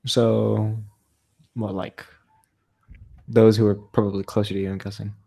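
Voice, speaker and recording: A man's voice: lowish voice, flat delivery, a little slow, vocal fry, warm tone. A young man chatting casually on a podcast, rambling and laughing at himself. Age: young adult. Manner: chatty, self-deprecating, laughs often. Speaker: podcast co-host. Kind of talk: casual chat.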